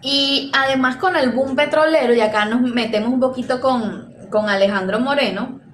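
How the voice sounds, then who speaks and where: A woman with a high voice, speaking at normal speed and a Venezuelan Caribbean Spanish accent, gives students an informal lecture. Conversational and hesitant, she often rephrases and checks in with her listeners. The room is echoey, with faint background noise.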